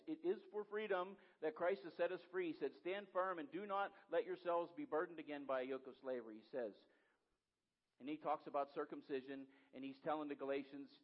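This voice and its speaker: Male preacher, fairly high voice, swinging from hushed to loud, questioning the congregation; dull lo-fi recording. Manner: builds from quiet to loud emphatic preaching; asks the congregation rhetorical questions. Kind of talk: sermon. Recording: dull lo-fi sound.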